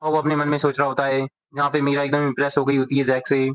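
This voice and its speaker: A man narrating a comic's plot as a rapid storytelling recap, voicing each character. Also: mid-range voice, completely flat delivery, no echo. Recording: dull, dry lo-fi recording.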